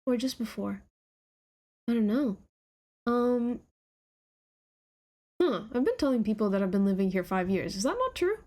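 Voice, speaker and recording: A woman's voice: on the high side, big pitch swings, normal speed, long pauses, a little mellow. A woman live-streaming a reaction to her own old videos, chatting casually in a giggly, scattered, self-mocking way.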